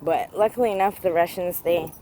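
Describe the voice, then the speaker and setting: A woman's voice: fairly low pitch, brisk, mellow, slight background noise. Profane ranting woman outdoors. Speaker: vlogger. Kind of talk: casual walking vlog. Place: outdoors in a cemetery.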